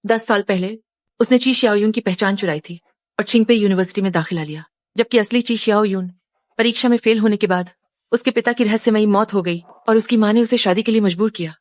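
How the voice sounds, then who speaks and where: A woman gives voice to an efficient assistant in a dubbed drama, brisk and matter-of-fact. Her voice sits at a middle pitch. The studio sound is dry and close. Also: no room sound, lightly acted. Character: efficient young assistant reporting findings.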